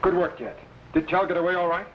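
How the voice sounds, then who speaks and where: An actor playing an authoritative, heroic time-traveling captain and mentor in an old-time children's science fiction serial. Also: male voice, sits high, fairly even intonation, quick pace, dull audio, close to an everyday voice. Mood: concerned. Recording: slightly noisy vintage serial recording.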